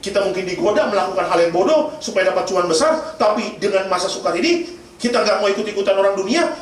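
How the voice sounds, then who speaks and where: Male pastor, high-pitched, jokey storyteller; distant mic in a booming hall. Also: animated, fast. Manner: storytelling with humor, addresses congregation as Bapak Ibu. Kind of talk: sermon. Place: church. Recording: echoey church hall from far off, noisy.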